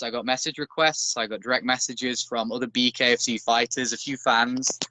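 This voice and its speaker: A man's voice: mid-range voice, a bit bright, dry recording. Man, Northern English accent, 30s, dry self-deprecating humor, interview guest, dead dry recording. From Northern England. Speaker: guest, bare knuckle boxer. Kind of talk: casual interview chat.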